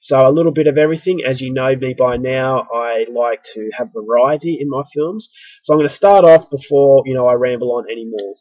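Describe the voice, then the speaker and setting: An Australian man chats casually to his viewers in a rambling, self-mocking vlog, his medium-pitched voice stuffy as he comes down with the flu. He talks briskly, and the recording is dry and muffled.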